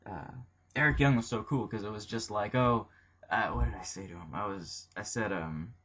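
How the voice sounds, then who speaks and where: A man's voice: on the low side, normal speed, breathy edge, lo-fi sound. A man ranting casually about pro wrestling, profane and full of fillers. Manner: profane, filler-heavy, excitable. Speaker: wrestling fan vlogger. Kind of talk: casual rambling rant.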